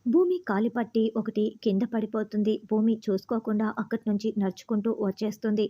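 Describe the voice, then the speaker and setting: A woman recapping a TV serial in scripted narration, reading every part herself in an even storytelling manner. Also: medium pitch, a little fast, muffled recording. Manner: even storytelling, reads all parts herself.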